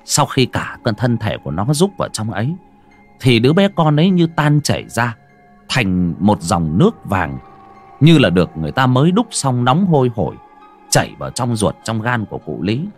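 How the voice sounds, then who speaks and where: A man's voice: mid-range voice, very animated, normal speed, faint music behind. Theatrical male ghost story narrator. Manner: theatrical, swings from hushed to loud.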